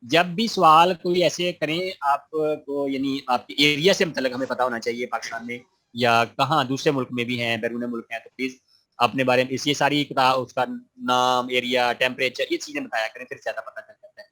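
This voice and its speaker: Reading out questions from students, a man running an online gardening class answers them patiently and encouragingly, sprinkling in many religious phrases in a friendly way. His voice sits mid-range, fairly even in intonation, with a sharp tone.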